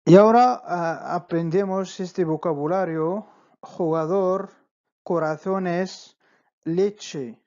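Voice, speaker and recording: Teacher, very slow, dark mellow tone, repeats syllables, dull lo-fi sound. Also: medium pitch. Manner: drawn-out syllables, repeats each word several times, says "¿vale?" often. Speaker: Arabic teacher. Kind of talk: slow spelling-out lesson.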